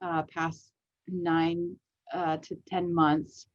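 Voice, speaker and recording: A woman moderates a panel in a friendly, measured way. Her voice sits a little low. The audio is dull and lo-fi. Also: level tone.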